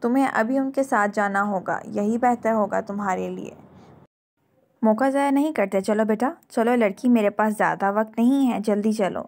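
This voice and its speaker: A woman's voice: medium pitch, a little mellow, close to an everyday voice. A woman voicing a cunning, sweet-talking stepmother. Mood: pushy. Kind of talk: dramatic novel reading.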